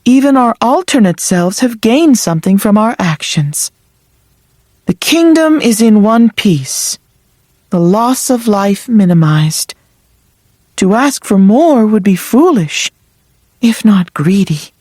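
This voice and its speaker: A woman voicing a calm ancient female spirit who speaks in a measured, formal way. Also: mid-range voice, no room sound, clean studio sound, pitched below the performer's own voice. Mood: solemn.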